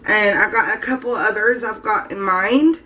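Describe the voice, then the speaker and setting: Bright, friendly woman host for a casual hobby vlog, talks straight to the viewers, slight background hiss. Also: medium pitch, moderate pace. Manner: chatty, addresses viewers as guys. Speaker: soap-making channel host.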